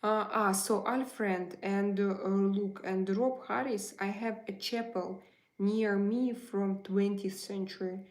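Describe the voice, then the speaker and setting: A livestream host whose first language is Russian speaks with a Russian accent, chatting casually with viewers and answering their messages with lots of hesitant fillers. Her mid-range voice is steady, slow, and darkish, with a reverberant sound.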